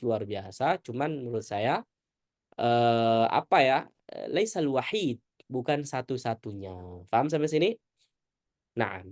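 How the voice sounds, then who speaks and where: Woman, recitation teacher, low voice, animated, checks understanding often, video call, dry. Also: no echo. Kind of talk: online tajwid lesson.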